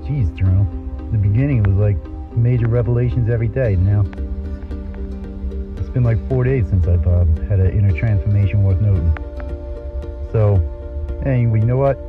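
A man's voice: on the low side, moderate pace, long pauses, close to an everyday voice. A man doing a weary, grumbling family man journaling. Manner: rambling, muttering, wry self-talk. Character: weary married factory worker journaling, man. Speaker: journal writer. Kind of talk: voice-over journal entry. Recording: muffled lo-fi with music behind.

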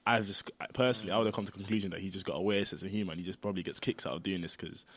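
A young man, reasoning aloud in a relaxed casual chat. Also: deep voice, racing, husky.

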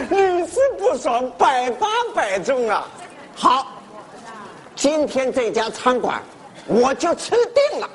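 A man's voice: extremely high pitch, big pitch swings, slow, heavily acted. A brash freeloading con man. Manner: loud, indignant, theatrical. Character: boastful freeloading male con man diner. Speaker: comedy sketch actor. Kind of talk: stage comedy sketch.

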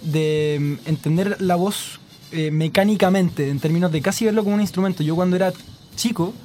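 A man appearing as a singer guest on a radio chat, talking quickly with dry jokes. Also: high-pitched, darkish tone, a little hiss or hum.

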